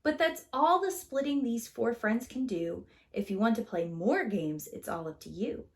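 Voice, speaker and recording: A preschool teacher reads a children's picture book aloud in an expressive, theatrical, sing-song manner. Her voice is fairly high-pitched and she keeps a moderate pace.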